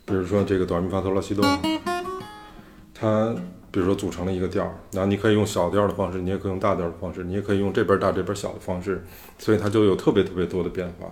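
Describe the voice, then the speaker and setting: A man's voice: low-pitched, level tone, very fast, a little mellow. A man hosting a podcast, explaining music theory in loose, casual talk. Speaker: podcast host. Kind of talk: casual chat.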